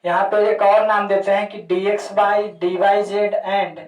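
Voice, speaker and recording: A man lectures on chemistry at a steady, even pitch that hardly rises or falls. He keeps checking understanding by asking a term back and answering it himself. His voice sounds distant from the mic and carries a noticeable room echo. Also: unhurried. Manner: repeats key terms as questions to students. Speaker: chemistry teacher. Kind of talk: classroom lecture.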